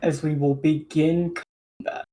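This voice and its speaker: A man's voice: on the high side, flat delivery, takes it slowly, mellow, soft background music. A man working as game master, narrating a tabletop role-playing game as he improvises.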